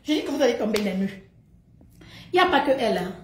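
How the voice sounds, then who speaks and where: A middle-aged woman talks to her live audience in an animated, emphatic way, repeating herself and laughing often. Her voice sits a little high for a woman. The room gives it a noticeable echo. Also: fast talker, a little hiss or hum. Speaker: live streamer. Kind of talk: animated gossip monologue. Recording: roomy echo.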